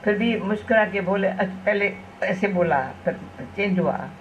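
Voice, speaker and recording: A woman's voice: medium pitch, normal speed. An older woman, a spiritual teacher, speaks to a gathering in a storytelling manner, weaving small anecdotes into her teaching. The recording is muffled and lo-fi, with a faint hiss underneath. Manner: homely storytelling, tag questions with "na". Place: event gathering.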